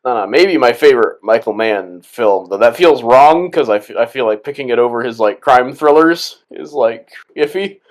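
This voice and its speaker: A relaxed man riffing on a film while it plays, filling his talk with "like" and quick laughs. His pitch sits in the middle and he wanders from point to point in easy conversation. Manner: rambling, laughing, filler-heavy. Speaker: podcast co-host. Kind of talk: casual movie commentary.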